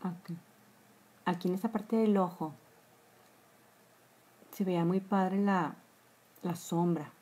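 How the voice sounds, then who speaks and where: This woman's voice is fairly low, warm and a bit rough, with mostly even intonation, a slow pace and long pauses. She's a makeup vlogger in her forties with a Mexican accent, hosting a live tutorial from a small room and chatting straight to her viewers, whom she calls girls, trailing off into whispers while she works. A phone or webcam picks her up at close range.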